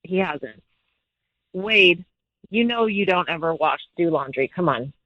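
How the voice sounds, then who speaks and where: A woman's voice: fairly low pitch, lively intonation, unhurried, no echo. A woman on a phone call, upset and pressing her husband with accusing questions. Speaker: caller's wife. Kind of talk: phone conversation. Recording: dull phone-line audio.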